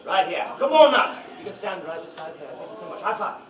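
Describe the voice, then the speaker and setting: A man coaxes volunteers up onto a children's stage, playful and upbeat as he sets up the scene. His voice is high and bright. It echoes through a room, heard from a distance. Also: sing-song, a little fast. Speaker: actor leading audience volunteers. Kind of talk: audience participation in a children's play. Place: library event room.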